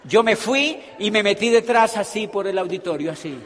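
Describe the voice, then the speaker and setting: Man, motivational speaker, high voice, lively storyteller, hall reverb. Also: normal speed, slight background noise. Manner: animated, humorous, acts out scenes. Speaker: motivational speaker at a business meeting.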